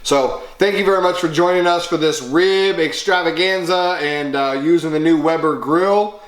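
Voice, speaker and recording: A man hosting a cooking show, giving a relaxed, folksy demonstration with many fillers, indoors in a kitchen. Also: fairly high pitch, normal speed, echoey room.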